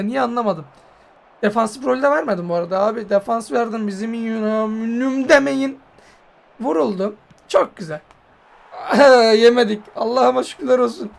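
A man giving casual, joking commentary on a football game he is playing, yelling at his players. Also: extremely high pitch, fast, vocal fry. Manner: excitable, joking, swears and yells at players. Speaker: mobile football gamer.

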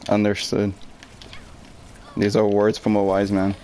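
A man reacting excitedly and laughing often while playing a game with friends over a headset mic. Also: fairly low pitch, unhurried, slight background noise. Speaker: gamer. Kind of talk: casual gaming chat.

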